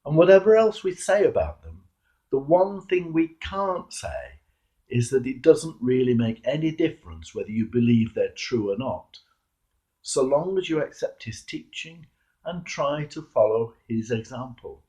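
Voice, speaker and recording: The speaker is an older British clergyman delivering a homily in a measured, earnest manner, with deliberate pauses and emphasis. His pitch sits in the middle range but swings widely, and his tone is dark.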